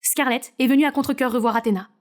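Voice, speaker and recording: A woman narrating an animated story in a brisk, chatty way with asides to the listener. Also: sits high.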